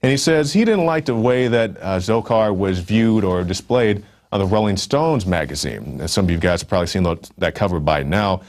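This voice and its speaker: A man's voice: deep voice, expressive, moderate pace, few pauses, a little mellow. A male online show host giving emphatic news commentary, with casual asides and fillers.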